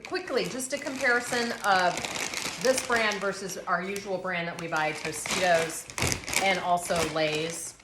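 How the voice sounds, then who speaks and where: A woman co-hosts a snack taste test, chatting casually and crunching chips between remarks. Her voice is on the low side and her pace measured. The room is echoey, with clear noise.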